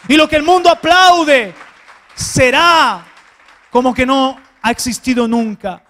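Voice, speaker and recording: A man preaches a fervent sermon in church. He drops to near-hushed tones, then rises to loud, ringing exhortation, often stumbling over repeated little words as he goes. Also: very high voice. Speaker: pastor. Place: church before a congregation.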